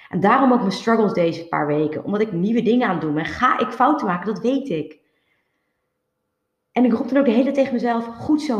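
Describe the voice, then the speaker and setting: A woman's voice: medium pitch, a little mellow. A woman delivering an earnest, coaching motivational monologue, sprinkling in English buzzwords. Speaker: self-development speaker. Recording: roomy, slightly dull recording.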